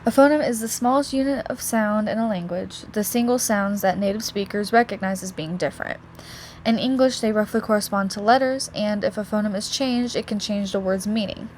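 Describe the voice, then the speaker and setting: Young female student, relaxed chatty delivery, middle pitch, faint room noise. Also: fairly quick. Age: young adult. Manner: casual, with many likes and restarts. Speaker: student presenter. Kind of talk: class presentation.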